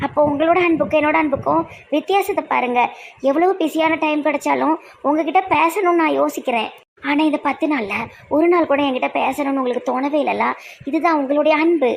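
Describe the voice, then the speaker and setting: Woman, high and gravelly, hurt and scolding doctor role, faint outdoor hum. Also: brisk. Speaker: doctor in a comedy skit. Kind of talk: acted comedy skit.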